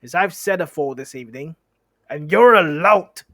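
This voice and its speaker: A man voicing a mean, suspicious male troll who sneers and quarrels loudly. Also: fairly high pitch, moderate pace, no room sound, clean studio sound. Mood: quarrelling.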